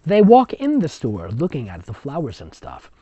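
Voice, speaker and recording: The pitch swoops wildly around a medium center as this dark-toned reader works through amateur fiction at a moderate pace, breaking off in exasperation to ridicule it with improvised sarcastic remarks. It's a dry, close, dull, lo-fi recording.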